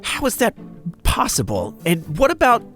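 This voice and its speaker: Wary young woman, read by a man deadpan. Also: sits high, normal speed, soft background music, voice pushed up, heavily acted.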